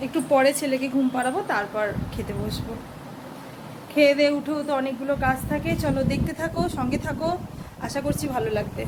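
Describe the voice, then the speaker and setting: A woman vlogging casually about her housework, talking softly while her child sleeps at home. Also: sits high, quick pace, noisy background. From India. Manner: soft, hushed talk while child sleeps. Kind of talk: casual vlog chat. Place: home kitchen.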